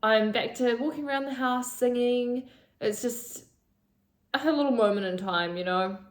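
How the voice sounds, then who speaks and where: Young woman, raw confessional vlogger, swears freely, slightly high voice, phone in a roomy space. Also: moderate pace. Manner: raw, emotional, swears often. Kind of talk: candid confessional vlog. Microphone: phone camera.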